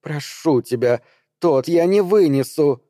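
A man's voice: on the high side, lively intonation, slow, mellow, no room sound, clean studio sound, pitched above the performer's own voice. A man voicing a scheming, seductive woman who pleads, coaxes and wheedles in an audiobook reading. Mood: tearful pleading. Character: seductive scheming woman, ageless former ruler of the house.

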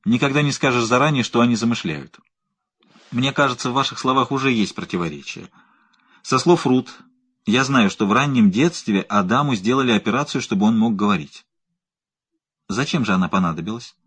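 A man's voice: medium pitch, brisk, a bit bright, breathy edge. A man reading the part of a skeptical, questioning male lawyer in an audiobook. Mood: wary. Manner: doubtful, questioning.

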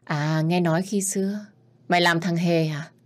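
A woman's voice: on the low side, steady tone, normal speed, close to an everyday voice. A woman reading the lines of an arrogant young man, the spoiled elder son, taunting his rival.

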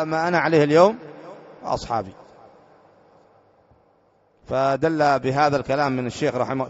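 A religious teacher from Yemen, explaining a creed text in a lecture and often posing rhetorical questions to his listeners before answering them. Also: mid-range voice. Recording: dull lo-fi lecture recording.

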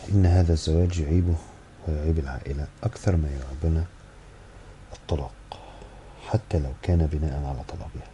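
A man's voice: a bass voice, steady tone, quick pace, pauses often, mellow, a little hiss or hum. A man reading the part of a bitter woman who resents her brother's marriage in an audiobook. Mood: spiteful. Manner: spiteful, resentful.

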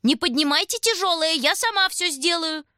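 A woman voicing a cloyingly sweet aunt who sings and calls out in a high, sugary sing-song. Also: lively intonation, normal speed, bright, forceful tone, no echo, clean studio sound, full character voice. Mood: sugary calling.

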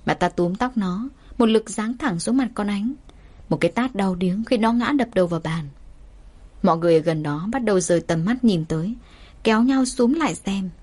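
A woman storyteller reading a dramatic tale in steady, even scripted narration. Her pitch sits in an ordinary middle range and the delivery stays measured. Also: slightly rough.

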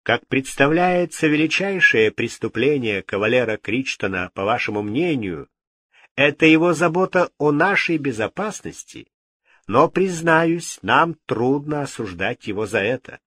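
Man doing a cold snooty king, slow and swingy. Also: mid-range voice, animated, sharp tone, no room sound, pitched above the performer's own voice. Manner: cold, haughty. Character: vain, cold, easily frightened male king.

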